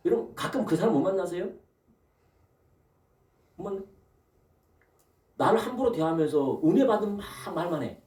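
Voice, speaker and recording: Pausing often at a moderate pace, a high-voiced man preaches as pastor in a church sanctuary. His animated sermon poses rhetorical questions to the congregation and calls for amens, heard through a distant mic in the echoey hall.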